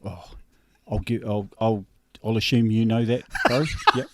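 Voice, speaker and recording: A man's voice: fairly low pitch, steady tone, measured pace, no room sound. A middle-aged man with a broad Kiwi accent chatting casually and in a laid-back, blokey way as a podcast co-host. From New Zealand. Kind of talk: casual chat.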